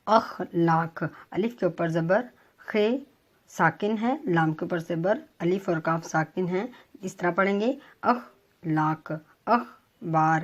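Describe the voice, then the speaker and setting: A woman teacher giving a pronunciation lesson to students, reading words slowly and spelling out their vowel marks with frequent hesitations. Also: on the low side, darkish tone. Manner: careful, formal delivery with frequent hesitations. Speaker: Urdu teacher.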